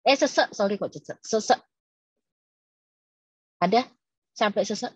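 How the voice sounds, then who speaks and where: A woman speaking in a casual, lively webinar talk to staff, teasing and quizzing her listeners. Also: mid-range voice, a little fast, breathy edge, dry recording, dull audio.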